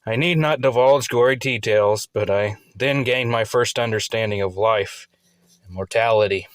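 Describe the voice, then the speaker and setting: A man's voice: fairly low pitch, moderate pace, no echo. A man reading a first-person audio story in an earnest, reflective manner. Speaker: narrator. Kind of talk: scripted audiobook narration.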